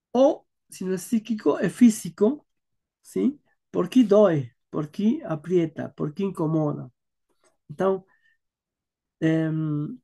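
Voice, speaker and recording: A native Spanish speaker giving an explanatory lecture in halting Portuguese mixed with Spanish words, searching for terms. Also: mid-range voice, dark tone. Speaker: horse-handling instructor.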